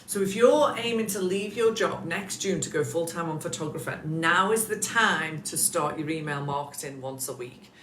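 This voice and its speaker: A woman coaches business owners in a relaxed live session from her home, chatty and encouraging as she calls out viewers by name. Her voice is sharp and bright. The room gives it a noticeable echo, with a faint hum of background noise underneath. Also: sits low, normal speed, hardly any pauses. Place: at home with pets nearby.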